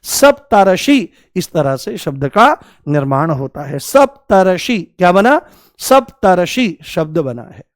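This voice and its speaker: A young man leads a grammar lesson in a high, clear voice, firing rhetorical questions at his class and stretching each answer out in a sing-song way. The sound is dry and close. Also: very animated, no room sound. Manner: repeats key answers in a drawn-out, sing-song way. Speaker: Hindi grammar teacher. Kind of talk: classroom lecture.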